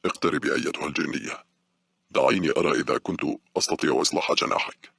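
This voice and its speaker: A man voicing a shy but smug grey-haired male worm scientist in an audiobook, gentle and lecturing. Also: very deep voice, quick pace, vocal fry, no echo, heavily acted. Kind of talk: audiobook character reading.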